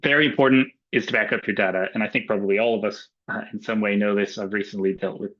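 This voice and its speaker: Low-voiced Australian man on a lo-fi webinar. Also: steady tone, quick pace, fairly bright tone. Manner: casual, many ums and uhs. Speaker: webinar presenter. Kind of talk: relaxed webinar talk with slides. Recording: dull lo-fi webinar audio.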